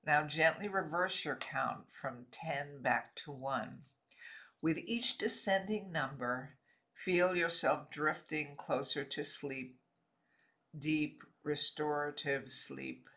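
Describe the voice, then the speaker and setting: A man narrating a scripted sleep relaxation in a soothing, measured, lulling way, with short phrases and pauses. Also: fairly high pitch, bright, forceful tone.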